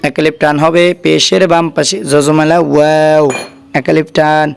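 A man's voice: on the high side, level tone, moderate pace, vocal fry. A Bangladeshi man with a Bengali accent teaching Quran reading, spelling out syllables one by one and then chanting them together. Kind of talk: letter-by-letter Quran spelling lesson.

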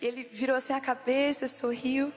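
A woman's voice: high voice, level tone, fairly quick. A Brazilian woman giving an emotional sermon testimony, repeating phrases for emphasis. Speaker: preacher. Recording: long reverb with faint background music.

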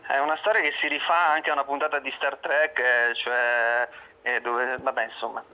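A man's voice: medium pitch, flat delivery, normal speed, sharp tone. A man calling in on speakerphone, a screenwriter talking in a casual, joking, pleading way. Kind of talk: casual phone chat. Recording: muffled speakerphone audio, faint noise.

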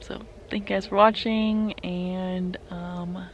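A woman's voice: on the low side, little pitch movement, takes it slowly, lo-fi sound. Giggly young woman vlogging outdoors. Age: young adult. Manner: giggly and playful, often drops to a soft near-whisper. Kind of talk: casual vlog narration. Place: outdoors on sand dunes at dusk. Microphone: handheld camera close to face. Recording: outdoor camera audio with background noise.

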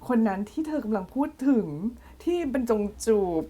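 A woman teaching English in a casual way, slowly explaining a song line by line, playfully flustered and giggly. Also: on the high side, animated, warm tone. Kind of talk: casual song translation lesson.

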